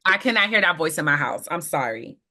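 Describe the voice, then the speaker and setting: A young adult woman co-hosting a podcast in casual chat, animated and emphatic with playful asides. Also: deep voice, brisk. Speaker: podcast co-host.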